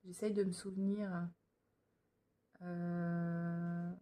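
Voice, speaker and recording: A woman's voice: lowish voice, little pitch movement, extremely slow, mellow. A woman presenting cross-stitch patterns in a casual vlog, talking hesitantly with many fillers and restarts, indoors under a lamp. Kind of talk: casual show-and-tell vlog.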